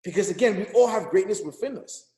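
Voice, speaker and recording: A man's voice: sits high, expressive, fast talker, darkish tone. Guy in his 30s preaching motivation on a call, repeats himself for emphasis, echoey room. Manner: emphatic, repetitive, preacher-like exhortation. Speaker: motivational speaker. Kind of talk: motivational talk on a group call.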